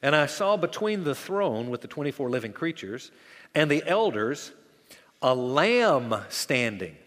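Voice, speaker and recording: Man, pastor, sermon, dramatic preaching, loud to hushed, long hall reverb. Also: fairly high pitch, sing-song, measured pace.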